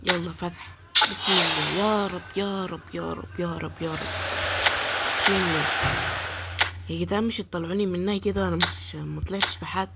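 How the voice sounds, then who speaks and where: A woman's voice: lowish voice, fairly even intonation, fairly quick, gravelly, heavy background noise. A woman with an Egyptian accent giving live gameplay commentary, pleading and complaining about her luck as she opens each pack. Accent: Egyptian Arabic. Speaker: gaming YouTuber.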